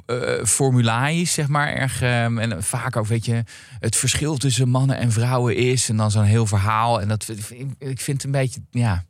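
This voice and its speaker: A man co-hosting a podcast, speaking thoughtfully with many pauses and fillers. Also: mid-range voice, no echo, studio quality. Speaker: podcast co-host. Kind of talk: casual chat.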